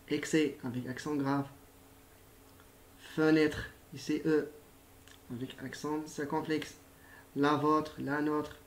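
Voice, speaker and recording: A man teaching a spelling lesson to primary school pupils, speaking slowly and patiently and addressing them directly. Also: on the high side, a little hiss or hum.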